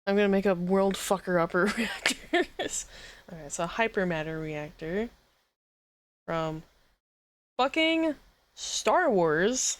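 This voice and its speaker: Slow-talking, swearing woman streamer. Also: medium pitch. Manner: swearing, incredulous, excitable reactions. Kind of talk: casual gaming commentary.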